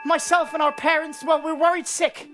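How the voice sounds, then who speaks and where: A very high, plaintive voice plays a hapless brother, acted by a woman. He is earnest and confused, speaking plainly and ungrammatically in improvised stage comedy over faint music. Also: level tone, normal speed, fairly bright tone. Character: plaintive, hapless brother searching for his sister.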